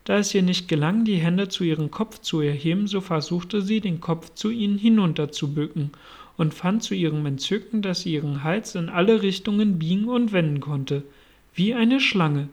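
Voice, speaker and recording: A narrator reading a classic storybook aloud in a measured way. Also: mid-range voice, darkish tone.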